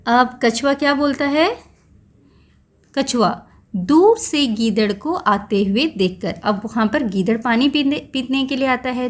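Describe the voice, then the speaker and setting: A woman teacher explaining a textbook story to young children, patiently stopping to explain words and phrases. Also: high-pitched.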